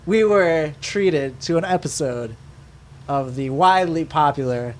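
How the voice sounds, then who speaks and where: Casting: male podcast co-host, fairly high voice, slangy, hesitant, casual recapping. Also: measured pace. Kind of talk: casual chat recapping pro wrestling.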